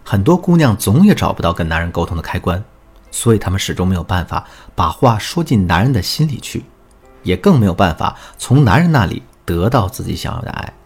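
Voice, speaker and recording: A man's voice: deep voice, sing-song, brisk, a little mellow, slightly rough. A man teaching as a relationship coach, telling a student's story in a scripted lesson and speaking directly to the listener. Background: faint background music.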